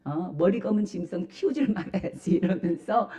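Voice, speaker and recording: A woman's voice: fairly low pitch, normal speed, dark tone. A woman pastor giving a Sunday sermon in a church, putting rhetorical questions to the congregation and preaching with emphasis. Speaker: senior pastor. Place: church sanctuary.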